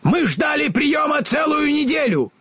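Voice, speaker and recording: A man reading a storybook, voicing a male scarecrow who is bold and shouts in fury. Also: high-pitched, lively intonation, moderate pace, slightly rough, no echo, pitched above the performer's own voice, full character voice. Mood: furious. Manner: furious shouting.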